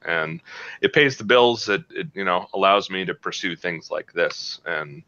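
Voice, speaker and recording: A man with a low voice and a bright, forceful tone chats easily as a guest. The sound is slightly dull and lo-fi. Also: measured pace. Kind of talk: casual interview chat. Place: office at work.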